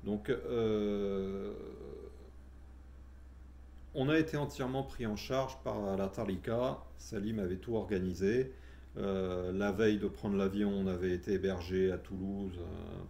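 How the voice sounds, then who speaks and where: A middle-aged vlogger recounts his spiritual journey in a casual, hesitant way, full of fillers and restarts. His voice is low and dark in tone, a little slow, with fairly even intonation.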